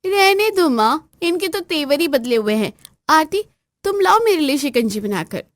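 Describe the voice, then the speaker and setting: Brief: a woman playing a spoiled, bossy daughter for an acted family story, shrill and high, barking orders, in a dry, close recording. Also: sing-song, moderate pace, dry recording. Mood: shrill demanding. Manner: shrill, nagging, commanding.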